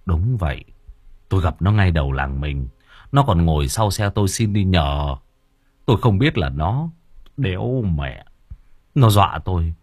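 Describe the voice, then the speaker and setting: A man's voice: low-pitched, lively intonation, measured pace, pauses often, darkish tone, dry recording, clean studio sound. A man playing a stammering old husband. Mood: rattled. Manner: stammering, uneasy. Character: worried elderly village husband.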